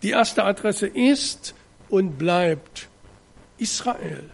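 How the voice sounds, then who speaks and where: A middle-aged man from eastern Germany preaching a sermon, reading scripture in a measured, solemn way with slow, weighty stresses. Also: sits high, expressive, gravelly. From Ore Mountains, eastern Germany.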